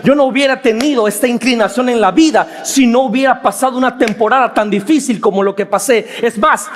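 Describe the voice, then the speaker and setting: A man preaching from the pulpit, pressing his points with repeated phrases and searching questions. His voice sits high for a man. The sound rings out with the long reverb of a large hall. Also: brisk, slight background noise. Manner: preaching with rising questions and emphatic repetition. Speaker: pastor. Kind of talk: sermon.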